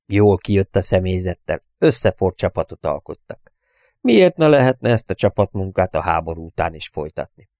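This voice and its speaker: A man calmly narrating a novel as an audiobook reader, in an even reading manner. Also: sits low, no room sound, clean studio sound.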